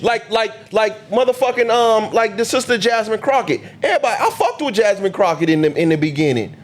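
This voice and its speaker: Male podcast co-host, slightly high-pitched, loose and profane, animated storytelling delivery. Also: a little fast, slight background noise. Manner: animated, profane, acts out quoted people. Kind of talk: casual group debate.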